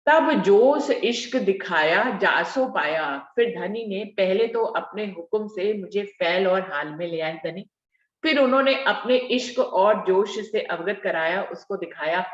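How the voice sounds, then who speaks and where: A woman leading a devotional scripture discussion, explaining verses slowly and repeating key phrases for emphasis. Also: medium pitch, echoey room, muffled recording. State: slightly unwell. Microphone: video call.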